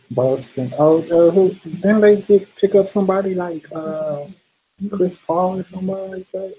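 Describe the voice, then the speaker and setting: A man's voice: sits high, unhurried, dark tone, a little hiss or hum, low-quality recording. A man hosting a casual late-night livestream, laid-back and laughing often as he reads out viewer comments. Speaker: livestream host.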